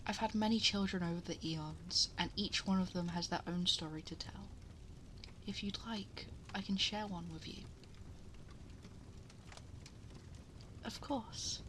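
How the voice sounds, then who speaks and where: A woman playing a gentle, motherly, ageless cosmic princess in an ASMR bedtime roleplay, speaking tenderly and reassuringly, often in a breathy half-whisper, close to the microphone. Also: lowish voice, slight background noise, lightly acted. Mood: tender, storytelling. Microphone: close binaural 3Dio microphone.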